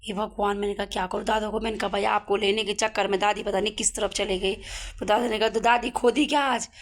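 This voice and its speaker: This is a young woman with an Uttarakhand Hindi accent, speaking in a mid-range voice. She tells a story in a casual home vlog, chatty and animated, with frequent asides. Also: medium pitch, quick pace. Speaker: vlogger.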